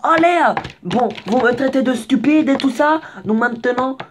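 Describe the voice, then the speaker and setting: A young man voicing a loud, combative old grandfather with an exaggerated put-on accent. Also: sits high, unhurried, slight background noise, voice pushed up. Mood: indignant. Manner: shouty, indignant, heavy put-on accent.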